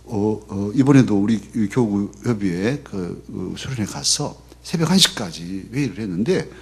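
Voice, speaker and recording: A man preaching a sermon as a church pastor, in a conversational way that often drops to a soft, low voice. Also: animated, unhurried, gravelly, husky. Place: church sanctuary.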